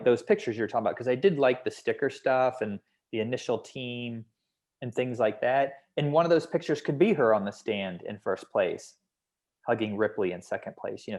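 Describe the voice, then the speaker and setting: During a table read feedback discussion, a man with a mid-range, slightly mellow voice explains his notes on the script in a hedging, conversational way, in the manner of a consultant.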